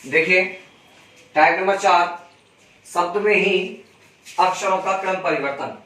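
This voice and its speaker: A man teaching a reasoning class, spelling out letters slowly and asking students questions he then answers himself. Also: high-pitched, sharp tone, distant mic. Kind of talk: classroom lesson. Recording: echoey room, voice from off-mic.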